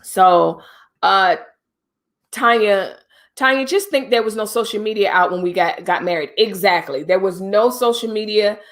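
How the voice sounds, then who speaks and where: Addressing viewers directly and casually, a middle-aged livestream host drops in some preachy asides. She speaks at a moderate pace with a medium-pitched voice.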